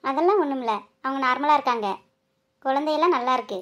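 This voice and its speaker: A woman voicing a calm young nurse. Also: high voice, fast, dull audio. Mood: reassuring. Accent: Madurai Tamil. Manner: patient, reassuring. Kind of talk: cartoon voice acting.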